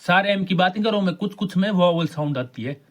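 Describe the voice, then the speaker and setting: Teacher asking himself questions, slightly high-voiced. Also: male voice. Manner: slows right down to read English sentences aloud; keeps asking questions and answering them himself. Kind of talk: explaining an exam paper.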